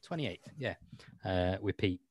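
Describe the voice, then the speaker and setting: A man's voice: low voice, expressive, a little slow, darkish tone, a little hiss or hum. A man hosting a podcast, talking in a rambling, self-mocking way with lots of fillers. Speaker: podcast host. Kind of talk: casual chat.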